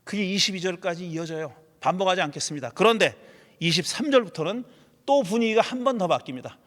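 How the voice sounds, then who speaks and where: A man preaching a sermon as a pastor, animated, voicing laments and rhetorical questions. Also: high voice, quick pace. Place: church sanctuary. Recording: church hall with long reverb.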